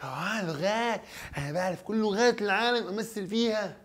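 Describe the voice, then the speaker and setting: A man's voice: sits high, a little fast, a bit bright. A man voicing a boastful, silly young male puppet who rambles cockily and mimics dialects. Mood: cheeky.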